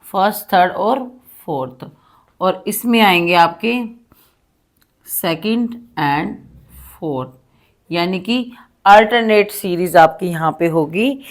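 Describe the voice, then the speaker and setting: A woman teacher walks through a grammar lesson at a very slow, deliberate pace. Her voice sits slightly low. She often checks "ठीक है" and slips in English terms as she writes. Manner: slow, patient explaining with frequent "ठीक है" checks; mixes English words into Hindi. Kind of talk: Hindi grammar lesson, writing on a board.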